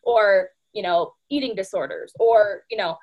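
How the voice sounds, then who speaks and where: A woman's voice: medium pitch, unhurried, dull audio. A woman giving a casual motivational talk to her sales team, chatty and full of "like" and "you know", often calling her listeners "you guys". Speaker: speaker training a sales team.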